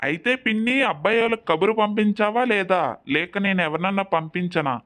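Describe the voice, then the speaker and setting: A woman's voice: medium pitch, fairly quick, fairly bright tone, natural voice. A woman voicing a concerned village man asking his aunt questions.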